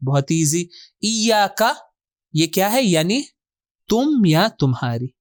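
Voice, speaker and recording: A man's voice: high-pitched, big pitch swings, dry recording. Patient male Quran grammar teacher, dry sound. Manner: asks questions and answers them himself; mixes English terms into explanations. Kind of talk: grammar lesson.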